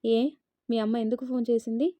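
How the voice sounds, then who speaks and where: A woman's voice: a little high, steady tone, a little fast, dark tone, dry recording, close to an everyday voice. A woman voicing a cold young husband who curtly reproaches his wife. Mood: reproachful. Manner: curt, reproachful.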